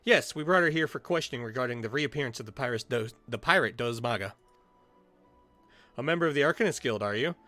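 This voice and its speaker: Stern military officer, formal and clipped, as a man reads it, bright lively voice. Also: mid-range voice, quick pace, no echo, soft background music.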